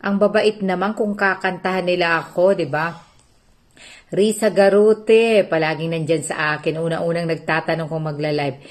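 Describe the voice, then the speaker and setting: A woman's voice: on the low side, steady tone, moderate pace. A woman with a Filipino accent hosting a casual livestream, greeting viewers by name and reading out their comments. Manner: chatty, reads out viewer names and comments. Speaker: livestream host.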